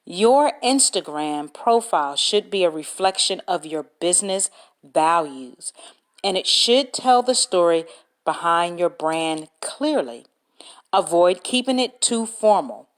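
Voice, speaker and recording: A woman's voice: on the low side, expressive. A woman hosting a solo podcast, reading out business tips and spelling out words as she goes. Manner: slow, deliberate, reads points aloud and spells words out. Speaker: podcast host.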